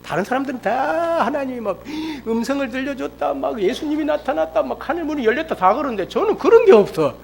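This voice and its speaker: Animated middle-aged male pastor. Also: extremely high pitch, fast, creaky, hardly any pauses, a little hiss or hum. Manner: animated storytelling, acts out quoted speech. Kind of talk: sermon testimony. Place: church service.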